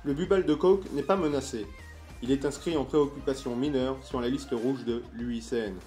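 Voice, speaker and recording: A man narrates in the manner of a nature documentary, reading from a script. His delivery is measured and informative, with an average-pitched voice. Soft music plays behind him. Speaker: narrator and video host. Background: background music.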